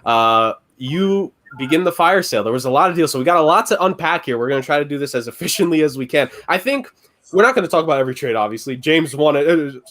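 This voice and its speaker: A man's voice: fairly high pitch, animated, fast, a bit bright. Upbeat man co-hosting a sports podcast. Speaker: podcast co-host. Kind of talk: casual sports podcast chat.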